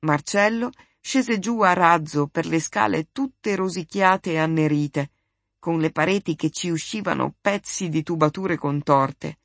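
An audiobook narrator reading a literary novel in a steady, measured storytelling voice. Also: mid-range voice, vocal fry, dry recording.

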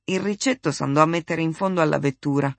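Calm audiobook reader telling a novel, mid pitch, very dry close sound. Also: fast, vocal fry, no room sound. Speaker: audiobook narrator. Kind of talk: literary narration.

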